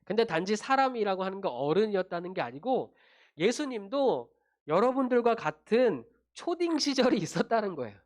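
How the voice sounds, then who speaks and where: A man's voice: sits high, moderate pace. A junior pastor giving a children's sermon, telling a story and often checking in with his young listeners. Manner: animated storytelling, addressing kids directly with tag questions.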